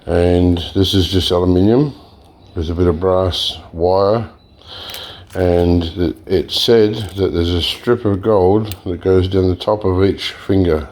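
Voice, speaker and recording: Slow and low, with a mellow tone, the e-waste recycling channel host narrates a laid-back hands-on demonstration. He works and explains at once, often using fillers and starting over, and he's a bit hoarse, pausing to clear his throat.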